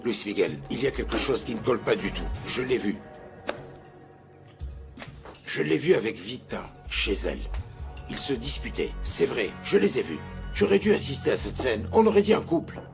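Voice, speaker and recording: A man's voice: mid-range voice, very animated, normal speed, creaky, over music. An actor dubbing a suspicious man who insists something is wrong in a telenovela. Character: suspicious man voicing his doubts.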